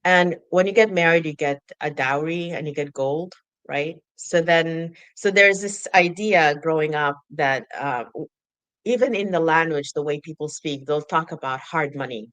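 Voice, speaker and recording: A woman from Sudan chatting casually on a podcast, animated, laughing often and acting out her own thoughts. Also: low-pitched, moderate pace, no echo, dull audio. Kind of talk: casual conversation.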